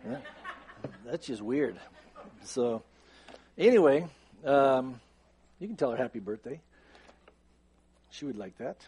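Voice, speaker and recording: A man's voice: medium pitch, very animated, takes it slowly, long pauses, dark tone, slightly rough. A man in his fifties, a pastor, leading a church service with joking asides and an earnest prayer, in a church sanctuary. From United States. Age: 50s. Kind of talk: sermon and prayer.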